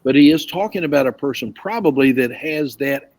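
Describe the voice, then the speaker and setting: A man's voice: medium pitch, expressive, fairly quick, a little mellow, dry recording. A man teaching a casual Bible study group, rambling a little and asking the group questions.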